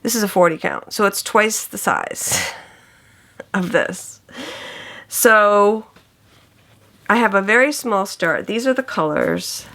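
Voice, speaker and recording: A woman chats through her stitching projects at an unhurried pace, with a gravelly edge in her voice. She gushes over patterns and colors like a devoted crafter sharing with friends. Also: medium pitch, big pitch swings, bright, forceful tone. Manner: enthusiastic, gushing over colors. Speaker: cross-stitch vlogger. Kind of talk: casual show-and-tell chat.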